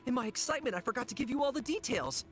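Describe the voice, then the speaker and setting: A zealous fan-club leader from a video game who preaches like a sermon, fervent and rousing, as a woman acts her out. Her voice sits fairly high and swings widely in pitch. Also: animated, rapid-fire, soft background music, close to an everyday voice, rough recording. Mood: coaxing.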